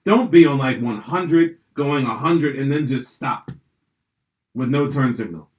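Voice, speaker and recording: A young podcast host from Pennsylvania tells rambling, animated stories full of profanity in a casual chat. His voice is mid-range, and he keeps a measured pace.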